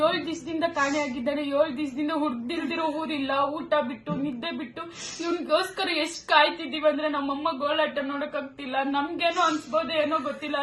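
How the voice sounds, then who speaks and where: A woman's voice: high voice, fairly bright tone, roomy sound, poor audio. A young woman from Karnataka, the sister of a missing man, earnestly asking listeners for help. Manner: earnest, pleading.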